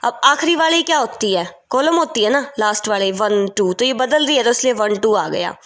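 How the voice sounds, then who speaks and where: Woman maths teacher, fairly high voice, goes over each step again and quizzes the class. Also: expressive, moderate pace, fairly bright tone, faint music behind. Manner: explains step by step, repeating points and asking the class questions. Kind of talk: classroom lesson explanation.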